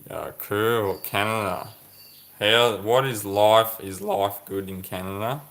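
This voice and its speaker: Reading chat messages out loud on a relaxed livestream, this Australian host takes his time and ponders what viewers write. His voice is lowish with a slightly bright quality.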